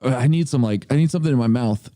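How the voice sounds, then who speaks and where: A man's voice: mid-range voice, fast, mellow, dry recording. A man chatting as a podcast guest, hesitant and self-deprecating, with lots of fillers. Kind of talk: casual chat.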